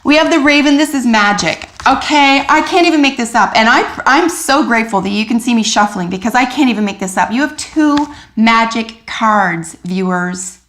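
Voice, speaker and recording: Tarot reader, woman, slightly high voice, excited and chatty, lots of ums and restarts. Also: normal speed, hardly any pauses. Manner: animated, enthusiastic, many fillers and restarts. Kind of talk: general tarot reading to camera.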